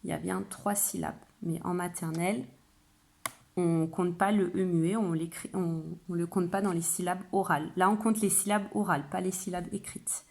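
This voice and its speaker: A woman, a kindergarten teacher, calmly explaining a phonics game to parents and stretching out example words. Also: fairly low pitch, moderate pace, gravelly. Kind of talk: home-schooling phonics lesson for parents.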